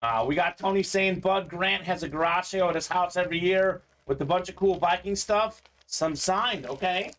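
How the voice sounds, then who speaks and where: Guy from bulgaria running a live card break, high voice, chatty, reads out comments. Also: normal speed, few pauses, a bit bright. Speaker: sports card break host. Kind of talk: live-stream sales patter.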